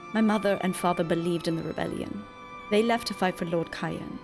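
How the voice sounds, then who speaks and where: A woman's voice: on the low side, a little fast, gravelly, music in the background. A woman voicing a protective teenage boy from a video game, bitter and weary, with a grave, pleading delivery. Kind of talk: reading video game dialogue.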